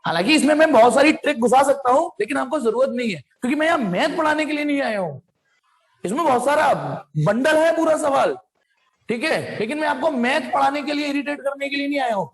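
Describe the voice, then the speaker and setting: A man's voice: extremely high pitch, expressive, fast, rough recording. A man teaching physics in a live online class, quizzing his students, calling them child and adding playful sound effects.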